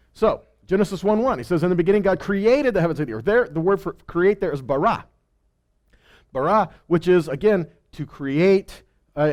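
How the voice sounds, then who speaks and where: A man with a high-pitched, somewhat dark voice preaches an informal sermon as a Bible and Torah teacher. He speaks emphatically and keeps checking in with his listeners through short rhetorical questions.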